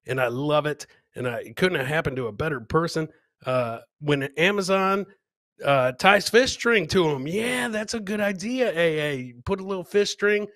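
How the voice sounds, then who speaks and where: Hosting a casual comedy livestream from his home studio webcam, a middle-aged man banters with viewers over clips, often repeating phrases. His voice is bright, forceful, and slightly high. The audio is close and dry, headset-like, with no echo.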